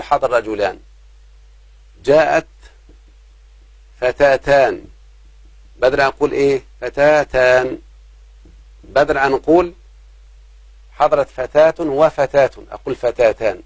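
A man's voice: mid-range voice, no echo, low-quality recording. Man teaching grammar, dry sound. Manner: repeats key points, asks the class rhetorical questions. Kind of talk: grammar lesson explaining a text.

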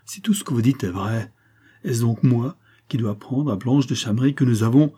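A man's voice: mid-range voice, lively intonation, normal speed, dark tone, slightly rough. A man reading a novel aloud, voicing an anguished, demanding young noblewoman. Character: distraught young noblewoman, proud painter.

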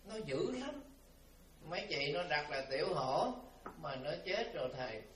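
A tearful, stubborn old mother who pleads plaintively, as a male preacher puts her on. The voice sits a bit high and comes from far off in a roomy, echoing space. A faint hiss runs underneath. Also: sing-song, normal speed, fairly bright tone. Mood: pleading.

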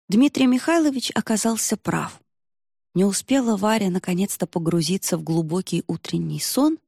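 A woman narrating an audiobook, reading in a lively, expressive way. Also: mid-range voice, no room sound, clean studio sound.

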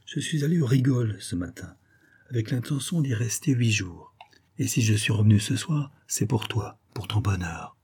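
A man's voice: lowish voice, lively intonation, moderate pace, dark tone, breathy edge. A man voicing a grave young nobleman. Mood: insistent. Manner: grave and insistent. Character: earnest young nobleman, protective older brother.

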